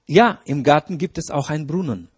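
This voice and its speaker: Husky-voiced man preaching with rising emphasis. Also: a little high, a little fast. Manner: earnest, hesitant with restarts and fillers, rises when stressing points. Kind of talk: sermon.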